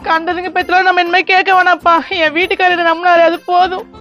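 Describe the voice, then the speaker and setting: A woman's voice: very high voice, level tone, fast, bright, forceful tone, dull audio, soft background music. A woman dubbing a sly young wife who fawns over her husband, pleading in a sugary way in a comic fan dub.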